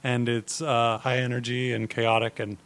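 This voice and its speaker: Bright-voiced man pitching his show. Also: completely flat delivery, moderate pace. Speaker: show producer. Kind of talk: casual podcast chat.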